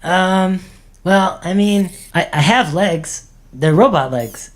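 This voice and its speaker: A woman's voice: on the low side, slow. A woman playing a laid-back male cyborg surfer who stammers and drawls. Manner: stammering, mellow surfer talk.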